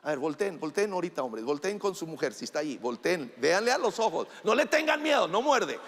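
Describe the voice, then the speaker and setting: A man preaching a sermon as pastor, speaking straight to the congregation, with playful teasing asides and swings from loud to hushed. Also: fairly high pitch, big pitch swings, a little fast. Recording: long hall reverb.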